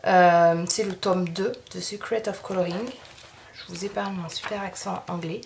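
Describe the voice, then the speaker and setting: A woman's voice: lowish voice, steady tone, moderate pace, gravelly, darkish tone, slight background noise. A French woman chatting casually through an art-supply haul video, rambling with many fillers and restarts. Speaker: craft youtuber showing art supplies.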